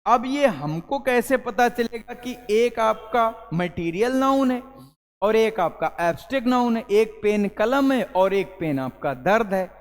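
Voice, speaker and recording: High-voiced male teacher in echoey hall. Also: animated, unhurried, soft background music. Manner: addresses viewers as children, asks and answers own questions. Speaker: English teacher. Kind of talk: classroom lesson at a whiteboard. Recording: long hall reverb.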